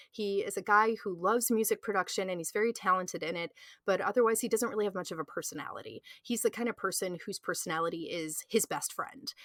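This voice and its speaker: A woman's voice: lowish voice, fairly bright tone, dry recording, clean studio sound. A woman co-hosting a podcast in casual, enthusiastic chat, with lots of "like" and "um". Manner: enthusiastic, chatty, filler-heavy. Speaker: podcast co-host.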